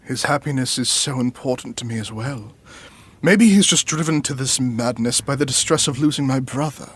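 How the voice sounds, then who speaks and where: In an audio drama, a male actor plays a middle-aged royal brother who is both ambitious and a devoted lover, sounding concerned. His husky, formal voice sits mid-range with a fairly bright tone, delivered in measured, pompous phrasing with no echo.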